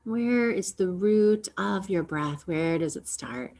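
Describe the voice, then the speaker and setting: A yoga nidra instructor, female, walks listeners through a relaxation practice in a soothing, slow manner punctuated by long pauses. Her mid-range voice has an animated quality.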